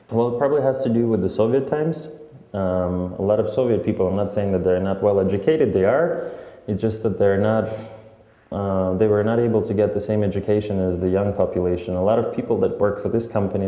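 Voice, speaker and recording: A young man from Kyrgyzstan telling his life story calmly in a documentary interview, with some fillers. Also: fairly low pitch. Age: young adult. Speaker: advertising account director.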